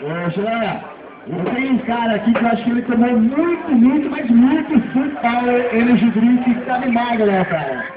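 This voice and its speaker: A man's voice: extremely high pitch, animated, moderate pace, over loud music. A Brazilian man doing live motorsport commentary as an event announcer, mixed with informal, chatty banter for the crowd. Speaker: event announcer at a drift show. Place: outdoor race track, heard from the spectator stands. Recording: muffled, echoey, distant PA amid loud engine noise. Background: loud car and vehicle noise.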